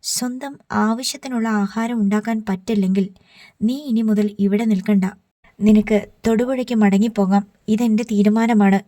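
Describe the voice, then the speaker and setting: A woman's voice: mid-range voice, steady tone, moderate pace, no echo, close to an everyday voice. A woman reading the lines of an angry middle-aged father who scolds his daughter. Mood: stern. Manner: scolding, forceful.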